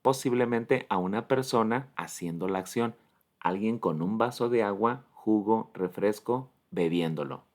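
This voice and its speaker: Man, English teacher, low voice, very slow, deliberate explanations. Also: a little mellow. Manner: slow, deliberate, spells out letters and models English words. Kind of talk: grammar lesson explanation.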